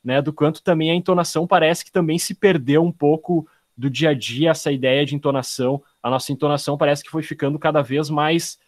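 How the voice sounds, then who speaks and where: A man's voice: fairly high pitch, brisk, few pauses, no room sound, studio quality. A man speaking in a casual video call discussion, thoughtful, with many fillers and restarts. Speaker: study group participant.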